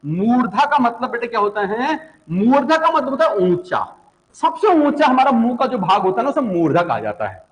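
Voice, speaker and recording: A man's voice: very high-pitched, very animated, normal speed, in a large hall, poor audio. A man teaching an online grammar class, calling his students "beta", asking again and again whether they follow, and repeating each point several times.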